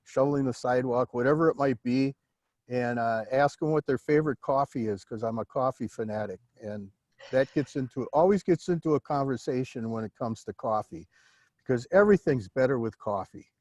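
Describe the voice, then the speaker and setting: A man's voice: medium pitch, fairly quick, darkish tone, no room sound. An older man from the Midwestern United States chatting in an easygoing way about meeting his neighbors. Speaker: conference participant. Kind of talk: friendly casual chat.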